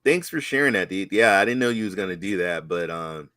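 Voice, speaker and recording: Excitable nostalgic man, dry sound. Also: deep voice, a little fast, no room sound. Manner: excited, nostalgic storytelling with exclamations. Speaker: co-host. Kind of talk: casual chat.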